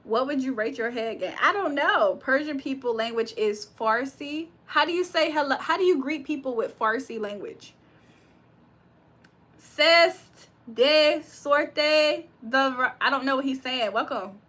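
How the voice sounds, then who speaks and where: With a voice that sits high and a bit bright, a young Virginia woman reads her livestream chat aloud at a measured pace. It's casual live chat, and she reacts with frequent laughs.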